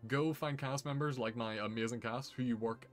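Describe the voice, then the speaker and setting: A man's voice: mid-range voice, steady tone, a little fast, soft background music. A man, the show's creator, hosting a casual question-and-answer chat in an upbeat way, laughing easily. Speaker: show creator and host.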